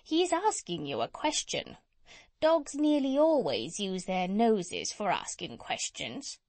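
A woman voicing a proud, bossy female parrot in a storybook, with a high voice and an insistent, instructive manner. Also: sing-song, slow pace, darkish tone, dry recording.

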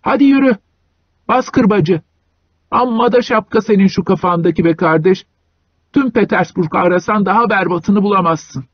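A shrill, quavering hunchbacked young man, as a male audiobook reader puts him on, barking insults and bossing the driver around. The voice sits well above the reader's own, with a husky edge. The recording is dry and dull. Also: moderate pace, dry recording. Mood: yelling, mocking. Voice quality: trembling, shrill. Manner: shouting insults, bossy.

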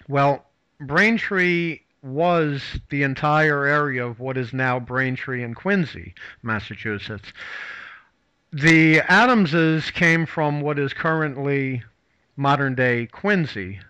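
A man's voice: mid-range voice, slow, bright, forceful tone, clean tone, no room sound, lo-fi sound. A man hosting a casual talk show, rambling through facts with many fillers and restarts. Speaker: host.

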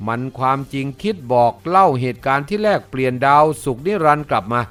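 A man narrating a Chinese martial-arts novel in a steady storytelling manner. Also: medium pitch, quick pace, clear, resonant tone. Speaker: audiobook narrator.

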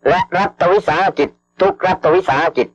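A man slowly dictating official government orders over radio, formal and measured, repeating each phrase and reading out the punctuation. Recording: dull lo-fi archival radio broadcast.

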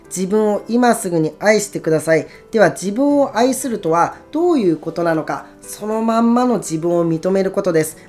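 A woman narrating a book summary in a calm, instructive, even reading voice. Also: medium pitch. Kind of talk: scripted narration.

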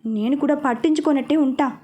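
A woman's voice: high-pitched, a little fast, dark tone, close to an everyday voice. A woman voicing a sulky, playful young woman in a storybook reading, pouting and teasing.

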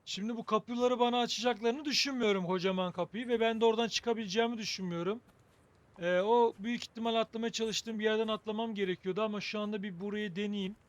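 A man with a high voice gives casual commentary on a video game as he plays. He thinks aloud in a wry, joking way, chatting to his viewers. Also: steady tone, fast, lo-fi sound. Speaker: gaming video host.

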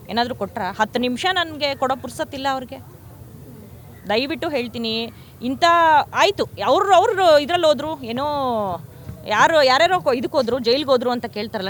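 A woman's voice: sits high, slight background noise. A woman from Karnataka, speaking at a press conference and making fierce, repetitive accusations. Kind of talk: angry press statement.

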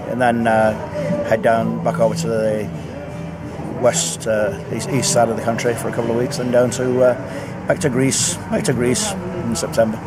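A man in his fifties from Northern Ireland, a street busker chatting casually outdoors at night, relaxed and repeating his phrases. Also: medium pitch, moderate pace. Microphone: handheld camera close up. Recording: loud guitar and music around.

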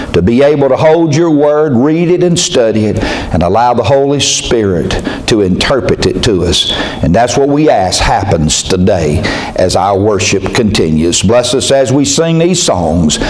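A man's voice: mid-range voice, darkish tone, a little hiss or hum. An older man, a pastor praying and then preaching in a folksy, storytelling way with frequent "uh" restarts. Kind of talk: prayer and sermon. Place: small church sanctuary. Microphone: pulpit mic. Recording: echoey church from camera.

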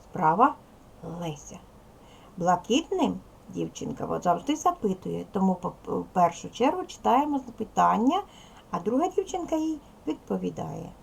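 Very animated and speaking at normal speed, a woman with a mid-range voice, vocal fry and a breathy edge records a lesson for second graders. She counts aloud, explains step by step with patience, and talks to the pupils as little ones.

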